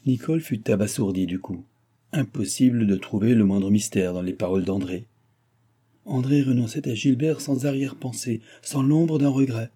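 A man reading a classic novel aloud in steady, literary narration. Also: mid-range voice, normal speed, breathy edge. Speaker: audiobook narrator. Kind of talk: scripted narration.

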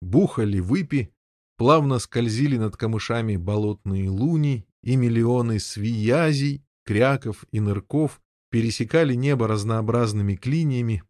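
A man reading a novel aloud as an audiobook narrator, with an even storytelling delivery. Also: on the low side, no echo, clean studio sound. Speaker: audiobook reader. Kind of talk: scripted narration.

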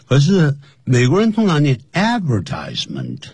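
A man's voice: on the high side, expressive, moderate pace, mellow, breathy edge, no echo. A man co-hosting a radio English lesson, explaining words and usage patiently. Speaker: English teacher, radio co-host. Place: radio studio.

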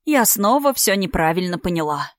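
A woman's voice: lowish voice, very animated, moderate pace, no room sound, studio quality. A woman reading a storybook part, voicing a spiteful, mocking woman in her thirties who is about to marry, with a raised, sarcastic voice. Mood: taunting. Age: 30s. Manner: sneering, sarcastic, theatrical.

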